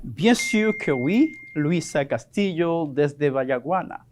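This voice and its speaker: A male teacher giving a televised French lesson, speaking slowly and patiently, spelling words out and repeating them. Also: fairly high pitch, lively intonation, darkish tone, slight background noise.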